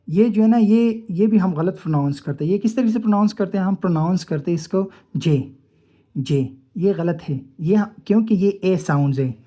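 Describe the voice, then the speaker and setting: A woman's voice: lowish voice, dark tone. A woman teaching a phonetics lesson, explaining step by step and answering her own questions.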